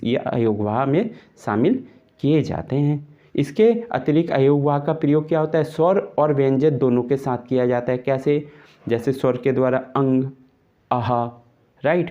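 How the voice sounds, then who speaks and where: A man at a middle pitch gives a grammar lesson for exam students. He explains patiently and says the example sounds aloud, and the recording is a little dull and muffled. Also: mellow. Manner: explanatory, often adds "right" in English, voices sounds as examples. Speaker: Hindi grammar teacher.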